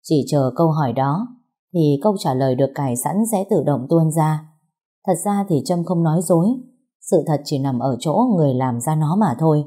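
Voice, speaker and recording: Low husky woman narrating a story. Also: warm tone.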